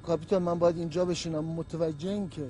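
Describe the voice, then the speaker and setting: A man's voice: on the high side, little pitch movement, dark tone, faint music behind, lightly acted. An actor playing an insistent young male plane passenger, polite but stubborn.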